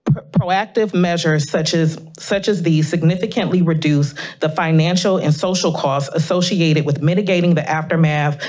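A woman's voice: fairly low pitch, darkish tone. A woman in her thirties reading a prepared statement at a city council meeting, speaking earnestly and emotionally, at a podium microphone in a large chamber. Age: 30s. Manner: earnest, pleading, emotionally charged. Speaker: public commenter at city council. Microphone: podium gooseneck microphone.

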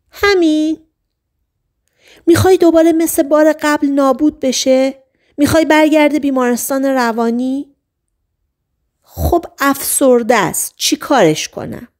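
A woman voicing an anxious woman in a storybook reading, speaking in a hushed, pressing way. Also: sits high.

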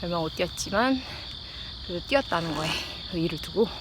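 A woman talks casually and reflectively while out running, with audible breaths, thinking aloud and pausing to ask herself how to put things. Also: on the low side, expressive. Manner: thinking aloud with self-questions and pauses. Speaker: host of a running-and-chat audio diary. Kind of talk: casual reflective solo chat. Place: outdoors at early dawn. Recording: outdoor noise with insect chirps. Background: outdoor ambience with crickets and insects.

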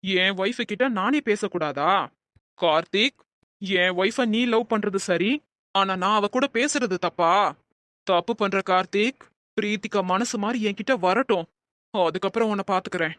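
A woman voicing a remorseful young husband in an animated cartoon, talking in an earnest, pleading way. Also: mid-range voice, unhurried, no echo, close to an everyday voice. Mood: bitter.

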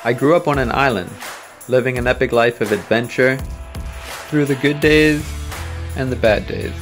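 A young man from the Bahamas, a charter fishing captain, calmly explaining spearfishing technique step by step in a voice-over. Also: mid-range voice, normal speed, faint music behind. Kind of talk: instructional voice-over.

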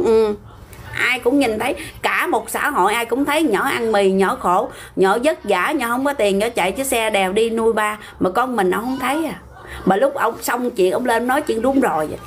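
Older southern vietnamese lady on a livestream, blunt and argumentative, kinda high voice. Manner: blunt, argumentative, talks back to commenters. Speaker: livestreamer reading viewer comments. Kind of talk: casual livestream chat.

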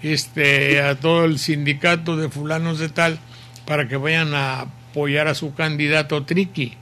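Reading listener messages in casual on-air commentary, this older radio host speaks with a Mexican accent and a sore throat. His pitch is fairly high, his tone level and sharp, and his delivery rambling, folksy and unhurried, all from a home study with bookshelves.

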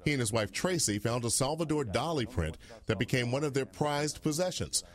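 A man reporting a news story in a measured, scripted narration style. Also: mid-range voice. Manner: measured, even reporting delivery.

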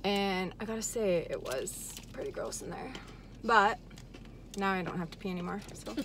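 This travel vlog shows a woman in her forties giggling and chatting casually into a phone camera at arm's length, from a car to a restaurant to a hotel hallway. Her medium-pitched voice is fairly bright and runs at normal speed, with slight background noise.

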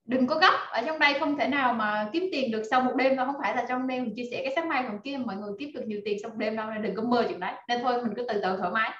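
A woman leads a live online class, energetic and full of fillers as she rallies her students. Her voice sits fairly high, and the call audio is roomy and dull. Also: rapid-fire, hardly any pauses. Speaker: online course instructor.

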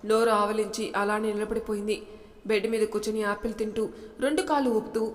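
A woman's voice: mid-range voice, fairly even intonation, a little fast. Woman storyteller in a reverberant space. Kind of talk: storytelling narration.

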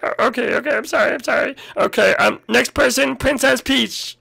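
A man's voice: very high-pitched, normal speed, vocal fry, breathy edge, soft background music, voice pushed up, exaggerated voice. A man voicing an eager, nervous turtle henchman who stammers and fills his talk with ums. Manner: stammering, excitable, with many ums.

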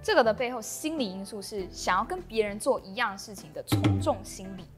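A woman's voice: mid-range voice, very animated, brisk. A young woman with a Taiwanese accent presenting a scripted explainer to camera on a lapel mic in a small indoor room. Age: young adult. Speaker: host of an explainer channel. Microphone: clip-on lapel mic. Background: background music.

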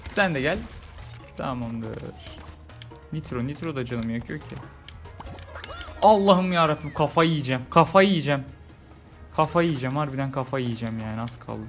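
A man's voice: medium pitch, a little fast, fairly bright tone, faint music behind. A man commentating casually over his own gameplay, joking and grumbling as he repeats his complaints. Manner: frustrated, repeats himself, jokey complaints. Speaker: gaming YouTuber. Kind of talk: casual let's-play commentary.

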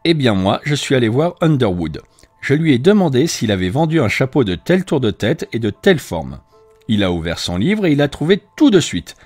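A man's voice: mid-range voice, very animated, brisk, darkish tone, no room sound, faint music behind. A man voicing a proud, boastful police detective recounting his inquiry. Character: confident male police detective, middle-aged, boastful.

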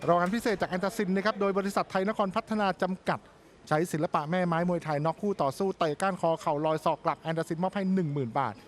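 A man's voice: sits high, fast. A man commentating on boxing for television, moving between fight talk and promotional reads. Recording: music behind the voice. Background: music.

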